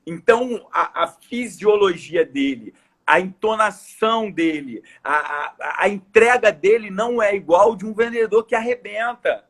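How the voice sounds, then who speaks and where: Husky high-voiced Brazilian coach. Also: male voice, a little slow, fairly bright tone. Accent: Brazilian Portuguese. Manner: earnest, emphatic, repeats phrases for stress. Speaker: coach and course speaker. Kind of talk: casual podcast conversation.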